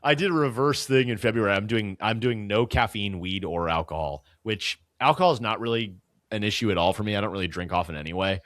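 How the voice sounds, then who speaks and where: A man's voice: lowish voice, quick pace, a bit bright, dry recording, clean studio sound. A young man co-hosting a podcast, telling loose, self-deprecating stories with lots of swearing and laughter. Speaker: podcast co-host. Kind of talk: casual chat.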